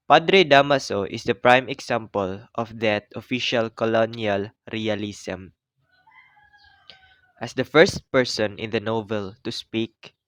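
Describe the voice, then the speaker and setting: Young Filipino man, measured formal read, close dry sound. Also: fairly low pitch, fairly bright tone, no room sound. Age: young adult. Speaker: student presenter. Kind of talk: read class presentation.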